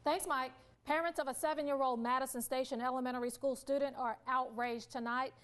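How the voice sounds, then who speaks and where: A woman anchoring a local evening newscast with smooth scripted delivery. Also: high-pitched, fairly even intonation, fairly quick, a bit bright. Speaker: news anchor.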